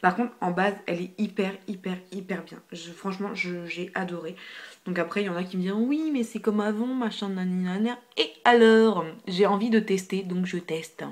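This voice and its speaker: A young beauty vlogger chats casually through a makeup haul, filmed on a phone camera, full of fillers and repetition, including repeating "hyper," and sometimes dropping to near whispers. Her voice sits on the low side, with fairly even intonation and a fairly quick pace.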